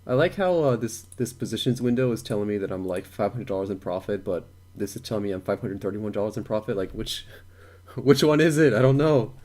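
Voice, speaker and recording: Low-voiced man muttering live trading commentary. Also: a little fast, hardly any pauses, a little mellow. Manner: thinks aloud, repeats words, chuckles to himself. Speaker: day trader streaming live.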